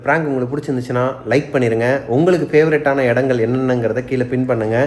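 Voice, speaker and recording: A man's voice: medium pitch, steady tone, quick pace, a little mellow, a little hiss or hum. A man explaining a prank and signing off a vlog in a playful, boisterous way. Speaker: prank planner. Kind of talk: casual vlog chat and outro. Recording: echoey room.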